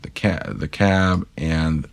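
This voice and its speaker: Low-voiced man talking through gear settings. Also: fairly even intonation, slow pace, creaky, slight background noise. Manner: chatty, self-correcting, addresses viewers directly. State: talking with a pick in his mouth. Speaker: guitar gear tutorial maker. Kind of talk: casual screen-capture tutorial.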